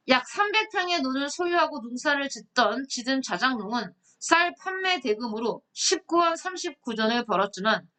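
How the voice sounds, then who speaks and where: A woman teaching a history lecture, lively and questioning, often asking her students to look and answer. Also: high-pitched. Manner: lively, asks students questions, reads captions aloud. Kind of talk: online lecture.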